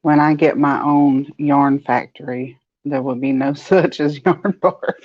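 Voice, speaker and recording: A woman's voice: low voice, fairly even intonation, unhurried, lo-fi sound. A woman with a Southern US accent hosting a crochet live stream, chatting casually with viewers and laughing often. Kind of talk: casual chat reading viewer comments.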